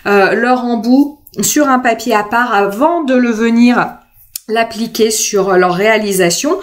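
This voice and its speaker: Bavarde femme française au ton un peu aigu. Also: female voice, on the high side. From France. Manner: chatty, many hesitations, self-correcting. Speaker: craft video host. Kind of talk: casual craft tutorial voice-over.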